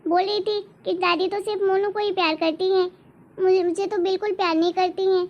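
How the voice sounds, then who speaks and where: A woman voicing a caring mother in a family story, soft-spoken and steady. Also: extremely high pitch, a little fast. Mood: firm. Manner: soft, soothing. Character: gentle loving mother of a young daughter. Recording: dull lo-fi recording.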